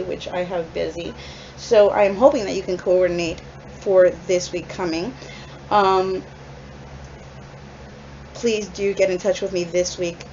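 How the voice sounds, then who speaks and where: A woman's voice: lowish voice, a little mellow. Woman leaving a firm voicemail. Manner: firm, formal complaint, measured. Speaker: tenant and mother. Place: apartment, indoors. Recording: slightly muffled, faint background noise.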